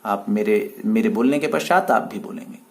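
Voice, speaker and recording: A man's voice: on the low side, vocal fry. A man teaching a Sanskrit lesson to children, patiently speaking words for them to repeat. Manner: slow, drawn-out syllables when modelling words; patient, addresses children warmly. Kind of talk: children's language lesson with repeat-after-me drills.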